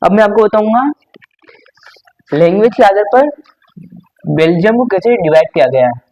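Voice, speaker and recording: A man's voice: high voice, lively intonation, normal speed, darkish tone, lo-fi sound. A young man teaching a class lesson, explaining step by step, repeating himself and saying "okay" often.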